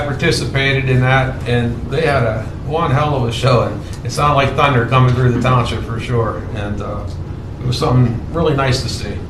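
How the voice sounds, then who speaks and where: A man presiding over a public township meeting in a plain, procedural way, heard on a meeting-room recording like a courtroom tape. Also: mid-range voice. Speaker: township supervisor chairing the meeting. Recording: distant, echoey meeting room with background noise.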